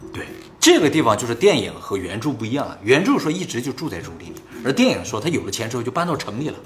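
A man hosting and telling old tales in a casual fireside storytelling manner, pausing for explanatory asides. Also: medium pitch, very animated, soft background music. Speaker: host and storyteller.

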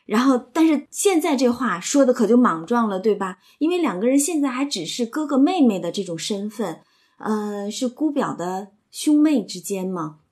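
A woman hosting a podcast, explaining a classic novel in a lively conversational way, often asking listeners to agree. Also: on the high side, moderate pace, breathy edge. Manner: lively, asks listeners "right?". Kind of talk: conversational literary commentary.

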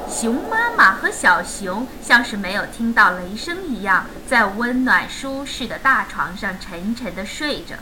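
A woman reading a children's picture book aloud in an expressive, animated storytelling way. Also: medium pitch, unhurried, few pauses, a little hiss or hum, rough recording.

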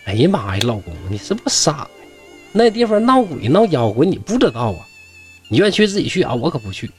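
A man's voice: a little high, sing-song, fast, far from the mic, faint music behind, pitched above the performer's own voice. A man doing a scornful young wife. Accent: Northeastern Mandarin. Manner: scolding, mocking.

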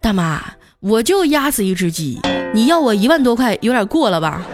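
A woman's voice: on the high side, very animated, brisk, over music. A woman voicing a timid, henpecked young man who whines and stammers. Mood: sheepish. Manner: whiny and sheepish.

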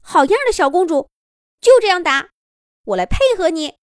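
A woman's voice: very high-pitched, lively intonation, moderate pace, dry recording, studio quality, pitched above the performer's own voice. A woman voicing a brave, eager little rabbit in a children's story, calling out urgently to its friend. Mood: cheering. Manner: urgent, shouting.

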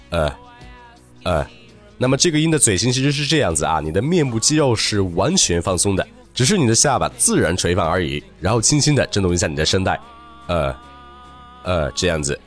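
Man, pronunciation teacher; animated delivery, lowish voice, slow drawn-out demo words. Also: faint music behind. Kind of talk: lively spoken lesson.

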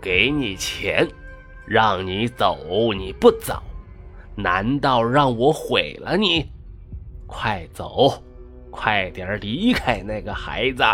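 An old village wise woman who bargains with a restless ghost, as a male storyteller puts her on. She talks slowly and lets her pitch rise and fall a lot as she scolds and coaxes. Faint music plays under her. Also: big pitch swings, fairly bright tone, heavily acted. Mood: stern. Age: older. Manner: slow, measured, admonishing. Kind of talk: storytelling with character voices.

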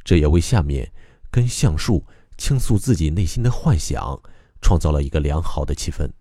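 A man teaching how to recite a poem, explaining calmly and methodically with frequent pauses. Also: very deep voice, no echo, clean studio sound. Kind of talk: explanatory lesson on reading poetry aloud.

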